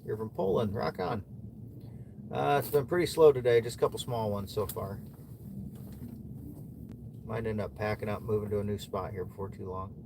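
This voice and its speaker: A man's voice: on the low side, moderate pace, creaky, pauses often. A man from the American Midwest livestreaming while ice fishing, chatting easily with viewers and chuckling often. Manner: laid-back, chuckles often, answers chat between fishing. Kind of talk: casual livestream chat reading viewer comments. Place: ice fishing shelter outdoors in winter. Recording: noisy outdoor ambience.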